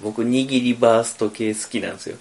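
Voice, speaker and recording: A man's voice: medium pitch, steady tone, fairly quick, gravelly, a little mellow. A man with a Kansai Japanese accent in a casual round-table podcast chat. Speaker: podcast panelist.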